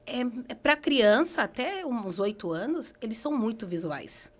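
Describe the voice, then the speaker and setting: A Brazilian woman hairdresser, a guest on a beauty podcast, telling stories lively with quick laughs. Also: on the high side. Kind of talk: casual podcast interview.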